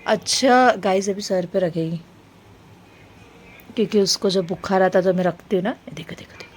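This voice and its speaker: A woman films a casual home vlog in her apartment. She coaxes her small child with gentle questions. Her pitch sits at an ordinary middle level, and a faint hiss runs underneath. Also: moderate pace. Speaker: vlogger.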